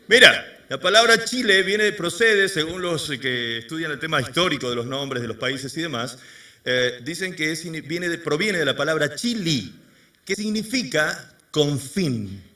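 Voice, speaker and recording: Male pastor, high lively delivery, questions the crowd, mic set back. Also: distant mic. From Argentina. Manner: quizzes the congregation with rhetorical questions. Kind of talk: sermon. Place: church service before a congregation.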